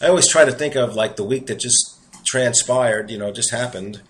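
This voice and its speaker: Earnest New York preacher reading scripture. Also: male voice, medium pitch, moderate pace, rough recording. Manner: earnest, conversational asides between read verses. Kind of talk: sermon reading and explaining scripture.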